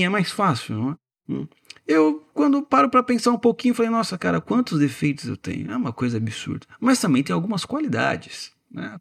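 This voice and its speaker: Lively high-voiced Brazilian man musing. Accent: Brazilian Portuguese. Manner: conversational, keeps asking the listener rhetorical questions. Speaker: podcast host.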